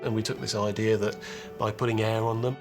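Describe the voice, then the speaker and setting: A man's voice: lowish voice, flat delivery, fairly quick. A man who works in film effects, giving a technical, explanatory documentary interview. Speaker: visual effects filmmaker. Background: music.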